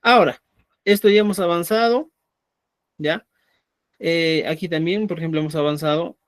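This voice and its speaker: A man's voice: on the high side, moderate pace, dry recording, clean studio sound. A man teaching a live online language class, explaining patiently and often checking in with the students. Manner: explanatory, checks understanding with frequent "¿ya?". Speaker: Quechua teacher.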